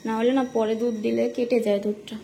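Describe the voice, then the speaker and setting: A woman's voice: fairly high pitch, level tone, a little fast, gravelly, noisy background. A woman, chatting to her viewers while cooking at home and telling stories with frequent laughter. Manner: chatty, storytelling, laughing often. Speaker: vlogger. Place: home kitchen.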